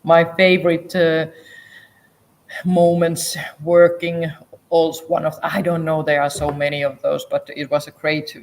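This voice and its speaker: Speaking in English with a Finnish accent, this woman from Finland is a whisky distillery expert and guest at a tasting, chatting in a relaxed way. Her deep, somewhat mellow voice barely shifts in pitch, and she takes her time.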